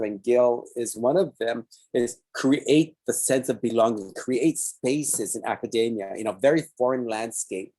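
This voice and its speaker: Man from Hawaii, measured, thoughtful interview host, dry close voice. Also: medium pitch, dark tone, no room sound, low-quality recording. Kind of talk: interview questions and reflection.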